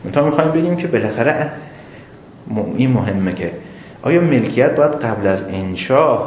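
A man's voice: medium pitch, lively intonation. A man lectures a class, and his voice rises and falls a lot as he reasons aloud through examples. The room is echoey and the recording is dull and lo-fi, with a faint hiss behind him. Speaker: seminary teacher.

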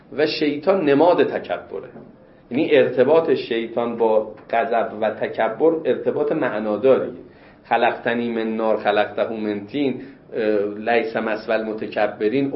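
A man's voice: mid-range voice, a little hiss or hum. Man lecturing in a roomy, muffled recording. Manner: explains texts, then pushes up sharply to stress questions. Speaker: religious law teacher. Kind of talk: classroom lecture.

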